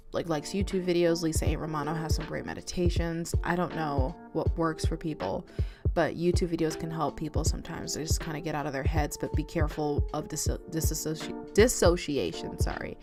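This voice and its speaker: A woman's voice: low voice, moderate pace, music in the background. A young woman talking casually to camera, rambling with many fillers and restarts. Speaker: vlogger. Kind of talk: casual confessional talk to camera.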